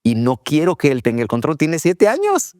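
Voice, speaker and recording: A man's voice: on the high side, wildly swooping pitch, moderate pace, darkish tone, dry recording, studio quality. A man co-hosting a faith-based parenting podcast, talking casually and acting out children's whiny voices now and then. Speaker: podcast co-host, father.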